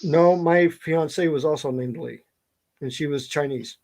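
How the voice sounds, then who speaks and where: A middle-aged man with a Southern US accent chats casually and rambles through his stories. His voice sits on the high side, with a slightly slow pace and a darkish tone.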